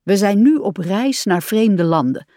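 A woman's voice: mid-range voice, animated, measured pace, warm tone, no echo, studio quality, natural voice. A woman doing Rad, a bossy adventurous rat. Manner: stern, impatient, bossy.

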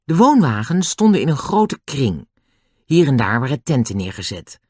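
A narrator reading a children's storybook aloud with expressive, animated narration. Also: medium pitch, moderate pace, husky, no room sound, clean studio sound. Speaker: audiobook narrator.

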